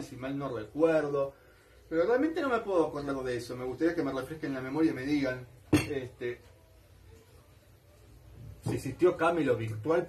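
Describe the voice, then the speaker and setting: Recorded from afar, a man with a slightly high voice and an Argentine Spanish accent vlogs about his collection. He meanders in a colloquial, nostalgic style and tends to repeat himself.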